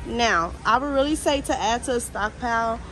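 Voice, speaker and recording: In a warehouse store, a young American vlogger addresses her viewers informally, like in a relaxed shopping video. Her voice runs on the high side and a bit bright, with lively intonation and normal speed. The audio is poor, and faint store ambience can be heard.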